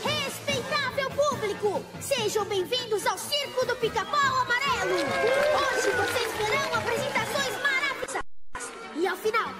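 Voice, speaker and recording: Cartoon boy ringmaster: very high, theatrical announcing, music underneath. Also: a little slow, a loud crowd. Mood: grand, showy. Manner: theatrical, showy announcing to an audience. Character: young boy, enthusiastic circus ringmaster.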